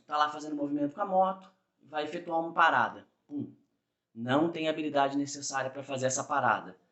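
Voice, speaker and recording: A man's voice: medium pitch, a bit bright. Brazilian man explaining with "tá?" tags. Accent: Brazilian Portuguese. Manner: conversational, frequent "tá?" tag questions; acts out examples with small voiced asides. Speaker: driving exam instructor. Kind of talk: explanatory video lesson.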